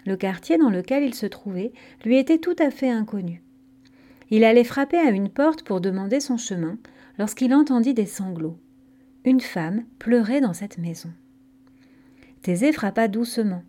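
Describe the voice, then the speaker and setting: A woman narrating a scripted myth story in a calm, gentle storytelling manner. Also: fairly high pitch, normal speed.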